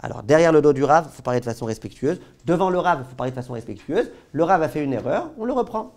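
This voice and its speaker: Rabbin au débit animé, voix plutôt aiguë. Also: male voice, fairly high pitch, fast. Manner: animated storyteller, jumps between loud stress and quiet asides; asks the class questions. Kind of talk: lively halakha class told with anecdotes.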